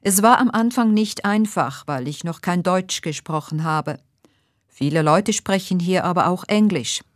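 Woman acting polite job applicant, scripted learner dialogue, lowish voice, careful clear speech. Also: a little slow, dry recording, studio quality, lightly acted. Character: nervous but polite female job applicant.

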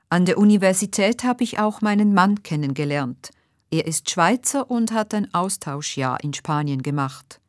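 Woman acting polite job applicant, scripted learner dialogue, lowish voice, careful clear speech. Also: no echo, clean studio sound. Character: nervous but polite female job applicant.

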